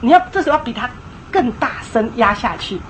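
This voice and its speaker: Emphatic higher-pitched woman teaching at church. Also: sing-song, fairly quick, slight background noise, rough recording. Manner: emphatic, conversational, acts out scenes. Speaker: church speaker on parenting.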